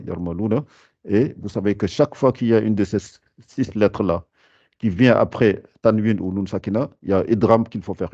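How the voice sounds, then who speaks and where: Hesitant, gravelly-voiced male Quran reading teacher. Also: lowish voice, a little mellow, no room sound, dull audio. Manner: hesitant, many fillers and restarts; patient, repeats rules and reminders. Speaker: tajwid teacher. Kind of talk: live class explanation.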